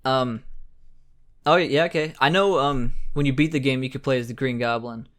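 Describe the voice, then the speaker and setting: A man co-hosting a casual chat, talking in a relaxed way with many fillers. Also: medium pitch, moderate pace. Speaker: co-host.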